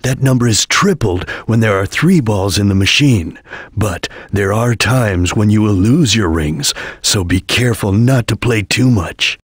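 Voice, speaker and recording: A stoic ninja chameleon for a video game. The voice is very husky and fairly low, recorded dry. He gives terse, deliberate warnings and instructions with a serious, watchful temper. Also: lively intonation, dry recording. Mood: calm, instructive. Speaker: video game character voice actor. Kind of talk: video game voice lines, hints and callouts.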